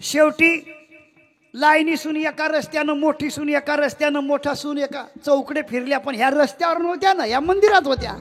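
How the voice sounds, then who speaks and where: A man preaching a devotional storytelling sermon, lively and full of rhetorical questions to the audience. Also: very high-pitched. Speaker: kirtan preacher.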